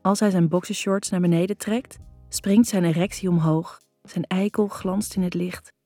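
Audiobook narrator: woman, intimate slow read, dark mellow timbre, faint music bed. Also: fairly low pitch, steady tone, dry recording. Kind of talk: first-person audiobook narration.

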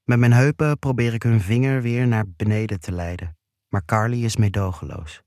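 A man reading a first-person erotic story aloud in a slow, hushed, intimate way. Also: fairly low pitch, steady tone, no room sound, studio quality. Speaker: narrator.

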